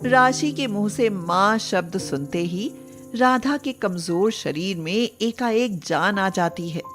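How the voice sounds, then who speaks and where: Slow-paced woman narrating a moral tale. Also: mid-range voice, faint music behind. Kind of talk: scripted moral story narration.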